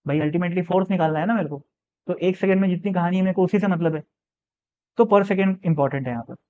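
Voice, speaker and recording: The speaker is a man teaching a physics exam problem in steps: he reads the question slowly, then talks it through casually, often raising and answering his own questions. His voice sits high and sounds narrow, over tinny audio.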